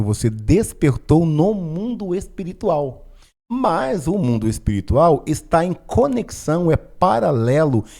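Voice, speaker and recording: A man's voice: mid-range voice, dark tone. A male pastor, teaching on spiritual matters in a casual, conversational way, often tagging his sentences with "né?" and "tá?". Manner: conversational, frequent "né?" and "tá?" tags. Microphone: microphone in front of him.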